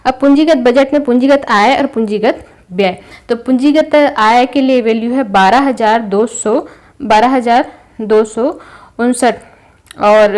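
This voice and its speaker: A woman's voice: fairly high pitch, darkish tone. A young woman from India with a Chhattisgarh Hindi accent teaches an exam-prep lesson, explaining patiently through everyday examples and frequent check-ins.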